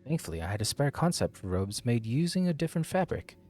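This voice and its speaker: A man's voice: medium pitch, big pitch swings, fast talker, darkish tone. Man voicing an eager little tailor, fawning shop clerk. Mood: pleased, proud. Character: eager, nervous little rabbit-like tailor, flattering customers. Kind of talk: character voice reading game dialogue.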